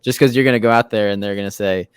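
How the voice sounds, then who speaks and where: A man's voice: fairly low pitch, fairly even intonation, rapid-fire, smooth, dry recording, studio quality. A twenty-two-year-old man hosting a casual podcast interview, talking conversationally with repeated words, "you know," and "bro.". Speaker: podcast host.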